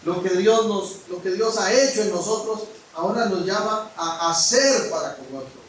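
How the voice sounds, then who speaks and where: A man preaching a sermon as pastor, frank and direct with his congregation, swinging from loud exclamations down to a hush. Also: sits high, normal speed, a little hiss or hum. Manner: preaching with rising exclamations and sudden drops to a hush. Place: church hall. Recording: echoey hall, mic at a distance.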